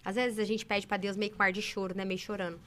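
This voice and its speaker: A woman from Brazil telling sales stories in a casual interview, emphatic and animated. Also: mid-range voice. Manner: animated, emphatic, quick talker. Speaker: saleswoman guest.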